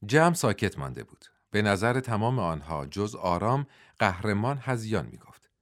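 Male audiobook narrator, low voice, animated, measured storytelling read.

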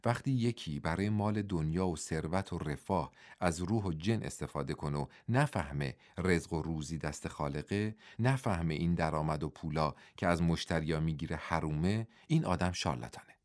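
A man's voice: extremely low pitch, pitched below the performer's own voice. Intense young male wrestler with mystic beliefs, earnest and preachy, read by a male narrator.

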